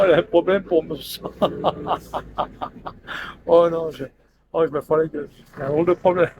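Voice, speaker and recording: A man's voice: fairly high pitch, background noise. A man chatting loosely to his live stream viewers on a headset, rambling and laughing often.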